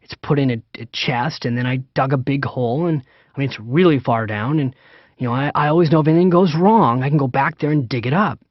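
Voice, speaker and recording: A man doing a halting, earnest seminar guy. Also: mid-range voice, no room sound, muffled recording, close to an everyday voice. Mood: rambling. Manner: halting, stumbling over words. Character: earnest rambling male seminar attendee.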